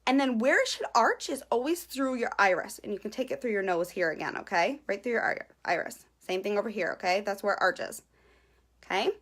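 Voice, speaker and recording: A woman's voice: mid-range voice, expressive, a little fast, a bit bright. A young woman giving a casual live-stream eyebrow tutorial, chatty and a little nervous, tagging nearly every sentence with "okay?" and greeting viewers by name. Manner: giggly and self-conscious. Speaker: beauty vlogger.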